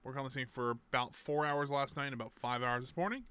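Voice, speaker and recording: Bright-voiced man on livestream headset audio. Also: mid-range voice, quick pace, clean tone. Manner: rambling, talks to himself while fixing things. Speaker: game streamer. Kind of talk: casual livestream chat. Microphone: gaming headset mic on a livestream.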